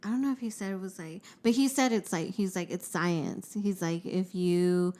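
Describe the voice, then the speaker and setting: A woman's voice: fairly low pitch, moderate pace, dark tone. A young woman and podcast co-host in casual chat, talking frankly with lots of swearing, filling her talk with "like" and dropping in Spanish words. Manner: frank and profane, heavy use of "like".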